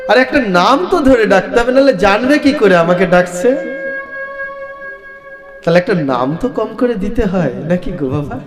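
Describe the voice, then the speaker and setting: A man reciting scripture as a devotional storytelling sermon, slow and sing-song, speaking directly to his listeners. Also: very high voice. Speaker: Bhagavata reciter. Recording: echoey hall, faint violin music.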